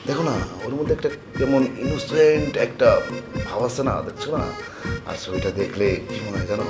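A man's voice: mid-range voice, animated, brisk, reverberant, loud music behind the voice, natural voice. A young actor playing a lovesick son pleading with his mother in a comedy TV drama. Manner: pleading, defensive.

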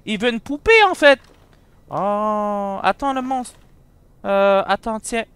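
Give me a high-voiced young man with a Quebec French accent, yelling and joking through a horror let's play. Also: takes it slowly, clean tone. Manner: excitable, shouts and jokes at the monster. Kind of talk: horror game commentary.

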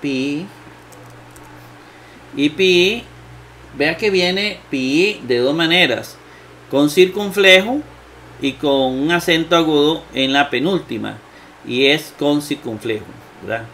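Man, very slow lecture, rhetorical questions, hesitant fillers, faint background noise. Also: on the high side, fairly bright tone. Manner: thinks aloud with many fillers and rhetorical questions. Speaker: Bible exegesis teacher. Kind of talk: slow explanatory lecture on Greek grammar.

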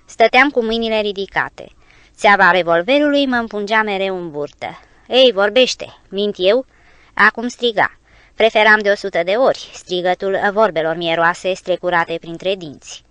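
A woman reads an adventure novel aloud in a measured, expressive storytelling voice. Her tone is smooth and resonant, set in a dry, close recording with no room sound. Her pitch sits in the middle range for a woman. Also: dry recording. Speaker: audiobook narrator. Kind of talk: scripted audiobook narration.

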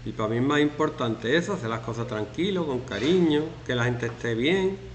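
In an echoey classroom with faint background noise, a teacher in his fifties speaks at medium pitch and normal speed. He walks his students through a class activity in a casual, joking way, lively enough to act out shouting examples.

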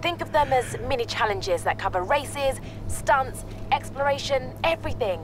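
A woman's voice: high voice, animated, measured pace, poor audio. A woman voicing an upbeat, encouraging event organizer in a racing video game.

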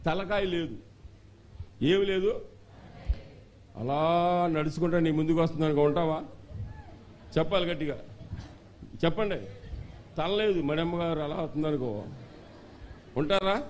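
A man with a high yet mellow voice delivers an animated church sermon. He keeps quizzing the congregation and pressing them to answer out loud. At the big moments he bursts into shouts. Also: normal speed, pauses often, a little hiss or hum. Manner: animated call-and-response, questioning the congregation; shouts at climaxes. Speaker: bishop preaching.

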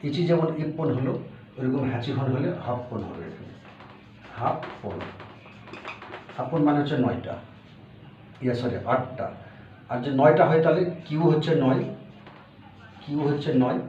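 A man with a slightly high, expressive voice moves at a moderate pace and leaves long pauses while teaching a language lesson. He patiently says each word again and explains step by step, recorded in roomy, distant, dull lo-fi audio carrying faint hiss.

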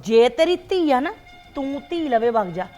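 Woman acting as a bossy sharp-tongued granny, high voice, sarcastic and scolding, music faint in the back. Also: big pitch swings, unhurried. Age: older. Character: harsh domineering grandmother, bitter and scolding. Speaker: grandmother. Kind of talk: short film acting.

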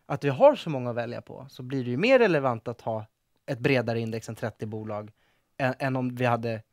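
A man's voice: medium pitch, lively intonation, darkish tone, no room sound. A Swedish man hosting a stock market show in casual studio chat, talking hesitantly with many fillers and restarts. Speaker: co-host of an investing show.

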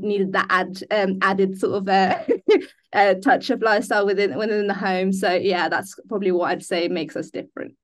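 A young woman born in Denmark, a business founder speaking in a video call interview, hesitant with many ums and restarts. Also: mid-range voice. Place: indoor room. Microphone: laptop webcam on a video call.

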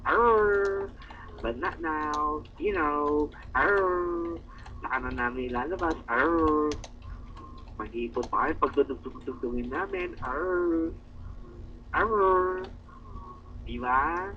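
Speaking slowly and pausing often, a Filipino man with a voice on the high side mocks his coworkers, repeatedly growling "arr" and laughing a lot. The taunting takes place in an indoor room. The lo-fi recording sounds distant and dull, with slight background noise.

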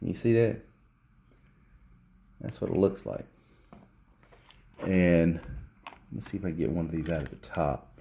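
A man's voice: sits low, lively intonation, measured pace, vocal fry, pauses often, dark tone. A man in a cluttered workshop showing a repair on camera, blunt and lecturing, repeating his points for emphasis. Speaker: repair technician. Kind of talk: hands-on repair demonstration. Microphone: handheld phone camera close to the work.

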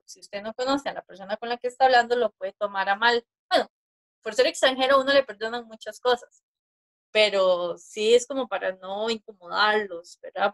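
A woman teaching a class over a video call, patiently counting strokes aloud and often checking in with her listeners. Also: a little high. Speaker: Japanese teacher. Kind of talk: online class explanation.

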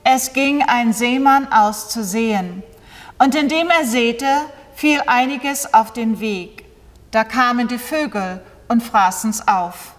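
A middle-aged woman pastor reads prayers and scripture in a slow, measured way, her voice sitting a little high. The sound carries a long reverb from the small brick chapel around her. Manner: slow, measured liturgical delivery. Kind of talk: liturgical reading.

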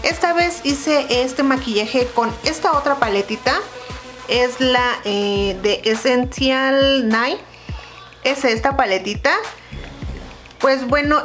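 A woman talks through her makeup routine in a casual, halting way, full of fillers. Her voice sits a little high. Faint music plays beneath her. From Mexico. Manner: chatty, hesitant, many fillers. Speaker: beauty vlogger.

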